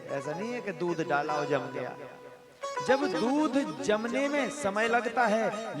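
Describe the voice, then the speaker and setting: High-voiced preacher over music. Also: male voice. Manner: folksy storytelling, acting out family members' voices. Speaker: Ram Katha preacher. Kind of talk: devotional story sermon.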